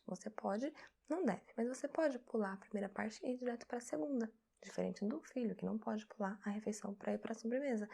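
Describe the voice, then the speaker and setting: Fast-talking woman teacher, gravelly. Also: mid-range voice, mellow. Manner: chatty, conversational explaining with rhetorical questions. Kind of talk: online grammar lesson.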